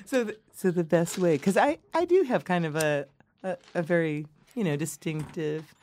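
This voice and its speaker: A woman's voice: fairly low pitch, animated, moderate pace, darkish tone. A middle-aged woman co-hosting a casual chat, giggly and drawn out, often trailing into laughter. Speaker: podcast co-host.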